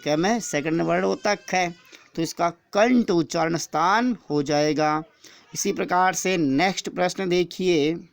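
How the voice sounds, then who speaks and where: A man's voice: high-pitched, gravelly. A man teaching an exam-prep grammar lesson, explaining step by step and repeating each answer after asking the question himself.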